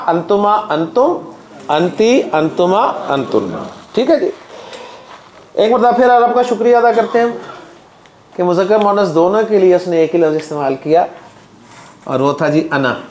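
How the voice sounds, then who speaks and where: A man's voice: high voice, a little mellow, slight background noise. A man teaching Arabic grammar in a classroom, chanting word lists in a sing-song drill and explaining to his students.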